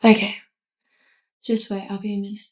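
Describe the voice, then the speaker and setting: A woman's voice: mid-range voice, little pitch movement, moderate pace, close to an everyday voice. An actress playing a reluctant young woman in a romantic melodrama. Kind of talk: melodramatic screen drama acting.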